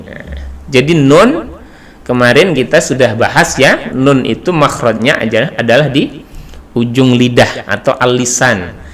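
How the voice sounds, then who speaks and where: A man teaching a tajwid lesson, explaining slowly and chanting short demonstration sounds. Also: medium pitch, fairly bright tone. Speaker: Quran recitation teacher.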